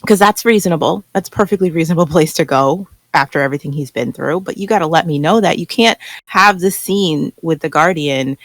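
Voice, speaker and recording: A lively podcast panelist chatting casually about a show, jumping into little acted-out quotes. The voice sits at a middle pitch and sounds close and dry, with no room around it. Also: brisk, few pauses, no echo. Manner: animated, acts out characters' lines in quotes. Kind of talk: casual chat.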